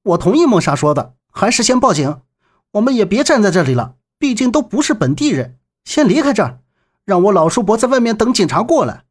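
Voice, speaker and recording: A man voicing an alarmed young man in an audiobook, stammering and excited. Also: high voice, a little fast, breathy edge, voice pushed up, heavily acted. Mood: urgent. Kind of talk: audiobook character voice.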